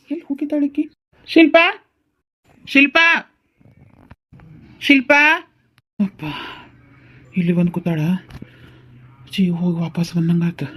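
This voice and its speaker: A woman's voice: on the low side, mellow, husky. Cartoon role: patient young husband, voiced by a woman, North Karnataka accent, reassuring and chatty. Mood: calling out. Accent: North Karnataka Kannada. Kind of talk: cartoon voice acting.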